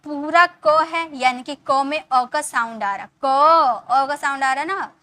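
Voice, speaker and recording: High bright-voiced woman teaching. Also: takes it slowly. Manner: patient, repeats points with frequent check-ins. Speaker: English teacher. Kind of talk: explanatory online lesson.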